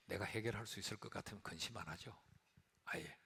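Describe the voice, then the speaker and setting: A male pastor preaching a sermon, swinging from whispers to shouts. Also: on the low side, fast talker, creaky, husky. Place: church sanctuary. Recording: long church hall reverb.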